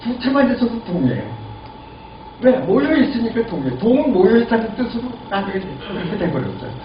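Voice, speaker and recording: A man in his eighties giving a lively lecture and asking the audience questions. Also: high-pitched, brisk. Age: 80s. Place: lecture room. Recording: lo-fi, echoey, distant, noisy.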